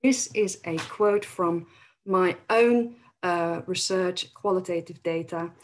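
A Dutch woman from the Netherlands, an academic presenter, gives a thoughtful webinar over a video call with many fillers. Her voice is lowish, steady, and slow, and the recording quality is low.

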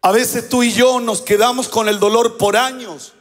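A pastor delivering a sermon, prompting the congregation to repeat phrases back to him. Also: male voice, extremely high pitch, fairly even intonation, moderate pace, fairly bright tone, long reverb tail. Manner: preaching with call-and-response prompts to the congregation.

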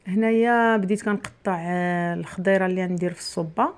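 A middle-aged cooking channel host with a Moroccan Arabic accent explains every step to her viewers as she cooks in her home kitchen for a casual vlog. Her lowish voice keeps a steady tone at a quick pace. The camera is near the worktop, leaving her mostly off frame.

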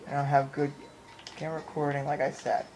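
Muttering reactions and apologetic asides, a man gives offhand commentary while playing a video game, filming the TV in a small home room with a handheld camera or phone. His slightly high voice is monotone and fairly quick. The camera mic picks up game music and background noise.

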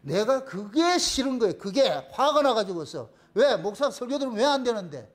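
A man's voice: very high-pitched, normal speed. A middle-aged man, preaching a sermon as pastor. He keeps asking the congregation questions and acts out the voices of the people in his stories. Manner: animated, acts out quoted voices, asks the congregation rhetorical questions.

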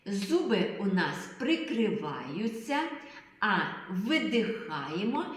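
A woman teaching a preschool literacy lesson in a slow, sing-song voice, drawing out sounds for small children. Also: medium pitch, big pitch swings. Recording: very echoey room sound.

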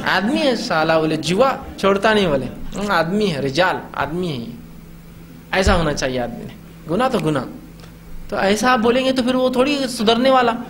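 A man's voice: high-pitched, a little hiss or hum. A man giving an informal lecture on parenting, acting out the lines parents say to children. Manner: conversational, acts out parents' scolding lines. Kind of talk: informal talk to an audience.

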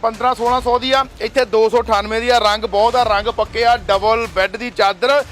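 Man, very high voice, rapid pushy sales pitch, faint noise behind. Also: fairly even intonation, fairly bright tone. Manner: pushy, repeats prices in quick lists. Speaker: shop promoter. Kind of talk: fast sales promo video.

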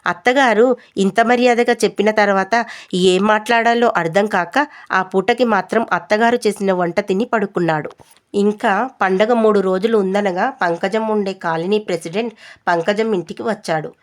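A woman narrating a comic family story in a lively storytelling style. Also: medium pitch, normal speed.

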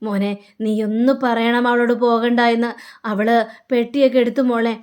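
A woman's voice: fairly high pitch, level tone, normal speed, darkish tone, smooth, natural voice. A woman voicing a tearful middle-aged mother who begs her son for help. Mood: pleading. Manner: pleading.

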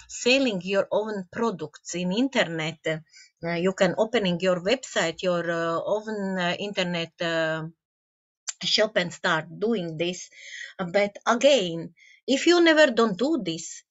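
Slow-talking woman with a Latvian accent. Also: medium pitch, a bit bright, dull audio. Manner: halting, non-native English with frequent hesitations and repetitions. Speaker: network marketing team leader, presenter. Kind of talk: informal online business presentation over slides.

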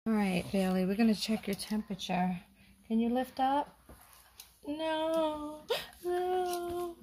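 A woman narrating a doll role-play vlog, fussing and soothing as she talks to her viewers. Her voice sits in a middle range with a lot of vocal fry. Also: mid-range voice, normal speed, mellow, slight background noise. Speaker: doll vlogger.

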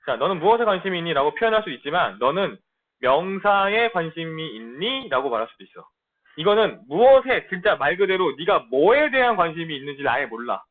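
A man's voice: fairly high pitch, very animated, quick pace. Man teaching in blunt casual banter. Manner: casual blunt banter with students, frequent check-ins. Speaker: middle school English teacher. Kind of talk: online lecture. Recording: tinny phone-like sound.

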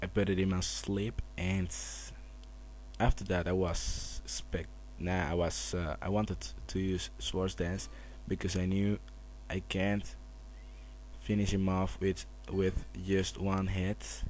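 Hushed, low-voiced man narrating slowly. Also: level tone. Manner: quiet, hushed talking so as not to wake others. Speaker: gamer narrating own battle. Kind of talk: casual game commentary. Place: at home at night, others asleep. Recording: noisy camera mic with hum.

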